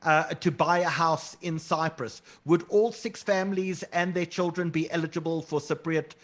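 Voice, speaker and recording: Man, host, brisk, high voice, reads out questions. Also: fairly even intonation. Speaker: webinar host. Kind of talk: moderating a panel Q&A.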